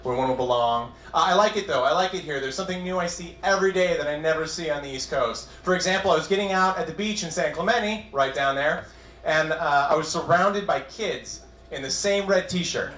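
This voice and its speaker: Slightly high, a little fast and a bit bright, this voice belongs to a twenty-something man from New England who carries a New England accent. He's working a comedy club stage with self-deprecating, wry stand-up, recorded in an echoey room.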